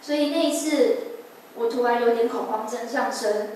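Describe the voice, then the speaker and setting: A woman's voice: fairly high pitch, moderate pace, a little mellow. A woman in her twenties giving an earnest, emotional personal testimony at a church service. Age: 20s. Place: church sanctuary. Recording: echoey church hall, distant mic, faint noise.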